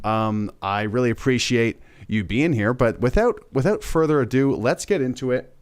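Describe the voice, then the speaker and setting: A man's voice: mid-range voice, moderate pace, clear, resonant tone. A young man hosting a casual political commentary livestream, sarcastic and emphatic, repeating words for effect.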